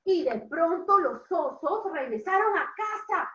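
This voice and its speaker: A woman, a preschool teacher telling a story and coaching young children with animated, coaxing intonation. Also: extremely high pitch, unhurried. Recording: echoey room, dull lo-fi.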